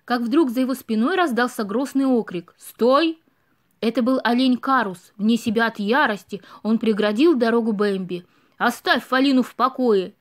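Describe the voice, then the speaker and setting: Expressive woman narrating a storybook. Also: fairly high pitch, moderate pace, few pauses. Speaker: audiobook reader.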